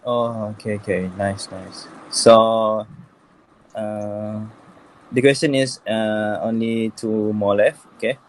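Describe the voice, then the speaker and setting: A man's voice: fairly low pitch, steady tone, slow pace, slight background noise, low-quality recording. A young man with a Malaysian accent interviewing a classmate, hesitant and full of fillers. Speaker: student interviewer. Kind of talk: casual student interview.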